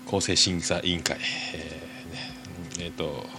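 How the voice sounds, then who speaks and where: A man hosting a podcast, reading listener mail aloud and chatting casually in a rambling, hesitant way full of drawn-out fillers. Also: low voice, flat delivery, noisy background. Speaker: podcast host.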